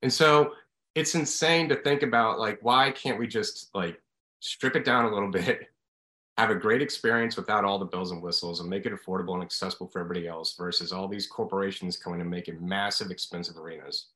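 A man's voice: low-pitched, steady tone, fairly quick, sharp tone. A man chatting casually and conversationally as a guest on a talk show. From upstate New York. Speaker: guest, former hockey player. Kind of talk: casual chat. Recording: echoey, roomy sound.

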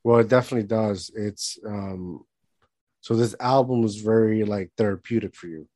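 Halting male interviewer with a low voice. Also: warm tone, dry recording. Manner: halting questions with restarts, affirming. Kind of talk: casual interview chat.

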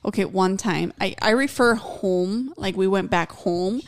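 A woman's voice: medium pitch, a little slow. A woman co-hosting a podcast, telling stories in a casual, slangy way with some mild swearing. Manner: informal, slangy, uses mild profanity. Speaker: podcast co-host. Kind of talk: casual chat, storytelling.

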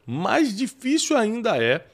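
A man's voice: high voice, huge pitch swings, slow pace. Emphatic Brazilian podcast host, man. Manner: emphatic, preacher-like, cites the Bible. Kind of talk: podcast interview.

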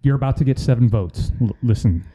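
A podcast host chatting casually and cracking dry, quick jokes. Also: medium pitch, dark tone, breathy edge, poor audio.

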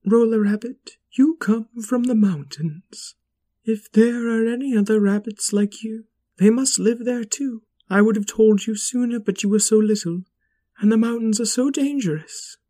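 A storyteller voicing a gentle, worried mother who speaks tenderly. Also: mid-range voice, normal speed, pitched above the performer's own voice, close to an everyday voice. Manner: tender, fretful.

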